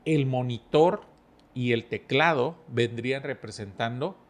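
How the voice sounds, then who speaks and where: A middle-aged man talks as a podcast guest. He speaks in a calm, measured voice at an ordinary pitch. He unpacks his ideas through personal stories and everyday analogies. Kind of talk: relaxed podcast conversation.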